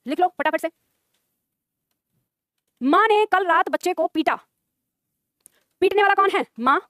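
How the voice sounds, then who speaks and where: A woman teaching a grammar class online, brisk and coaxing, quizzing her students and checking that they follow. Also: extremely high pitch, fairly bright tone, dry recording, clean studio sound.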